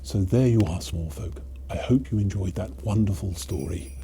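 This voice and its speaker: A man playing a kindly old Father Christmas, gently narrating a storybook to children. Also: sits low, moderate pace, a little hiss or hum. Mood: fond farewell.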